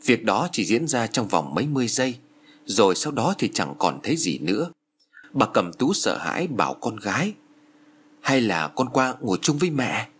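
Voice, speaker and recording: A man's voice: on the low side, slight background noise. A man narrating a spooky audiobook with dramatic storytelling.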